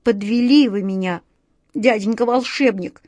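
A woman's voice: fairly high pitch, unhurried, darkish tone, no room sound, clean studio sound, natural voice. A woman voicing an upset young boy near tears, speaking in a shaky voice. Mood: hurt. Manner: shaky, tearful voice.

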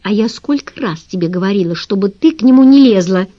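A woman's voice: mid-range voice, lively intonation, a little fast, lo-fi sound, close to an everyday voice. A woman voicing a strict, exasperated mother scolding her children.

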